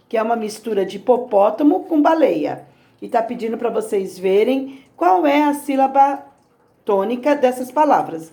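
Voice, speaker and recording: Brazilian teacher, slow, sounding out words. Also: female voice, a little high, mellow. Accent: Brazilian Portuguese. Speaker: primary school teacher. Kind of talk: recorded lesson for young children.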